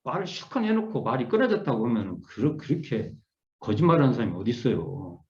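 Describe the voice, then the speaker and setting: With a medium-pitched, very animated voice, a middle-aged Won Buddhist minister speaks fast during an online scripture lecture. He muses through his explanation, often restarting and repeating key words. The sound is lo-fi and dull, with an echoey room.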